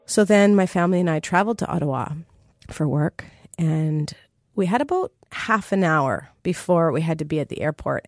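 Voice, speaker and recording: A woman's voice: low voice, darkish tone. A woman telling a personal story to an audience in an earnest, vivid way.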